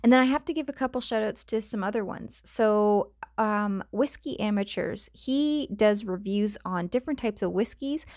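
Her voice sits on the high side with a darkish tone as this Canadian host talks through a casual solo episode of her podcast. She keeps drifting into tangents and laughing frequently. A cheap home microphone is used, yet the recording is dry and studio quality.

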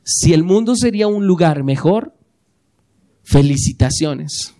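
A man's voice: on the high side, animated, unhurried, warm tone. A man preaching a sermon, asking the congregation questions and repeating key phrases for emphasis. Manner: asks the congregation questions and waits for replies. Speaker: pastor.

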